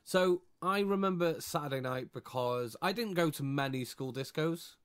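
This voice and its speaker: A man's voice: fairly high pitch, normal speed, clear, resonant tone, dry recording, clean studio sound. Teasing man on a podcast. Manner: teasing, playful banter. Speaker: podcast co-host. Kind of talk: casual chat.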